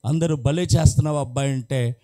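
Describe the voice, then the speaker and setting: A man's voice: mid-range voice, a little fast, dark tone. A man preaching a sermon as a pastor, telling a story and acting out its dialogue in rising, emphatic bursts. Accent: Telugu from Andhra Pradesh.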